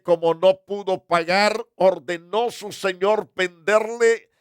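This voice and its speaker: A man preaching as a pastor, giving a Bible study and reading scripture slowly and deliberately. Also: sits high, no room sound, studio quality.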